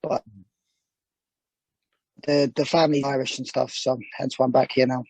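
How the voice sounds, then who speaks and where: A man's voice: mid-range voice, flat delivery, moderate pace, a little mellow, breathy edge, no echo. A young man from England, a boxer, answering interview questions casually with rambling sentences and many fillers.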